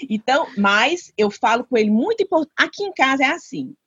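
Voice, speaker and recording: A woman in her thirties, co-hosting a podcast in casual chat and telling lively stories about her kids. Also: high-pitched, a little fast, husky, lo-fi sound. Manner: lively storytelling, acts out her kids' lines. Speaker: podcast co-host.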